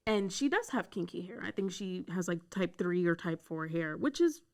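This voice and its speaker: A woman guest on a talk show, making her points clearly and backing them with examples. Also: fairly low pitch, lively intonation, moderate pace. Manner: articulate, builds points with examples. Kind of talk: casual debate talk.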